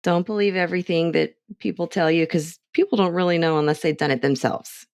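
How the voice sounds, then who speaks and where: Middle-aged woman from Hawaii, candid interview guest, slightly low voice, dry recording. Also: a little fast, darkish tone, no echo. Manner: candid, chatty, self-assured. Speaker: interviewee, clinic staff member. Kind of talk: casual interview.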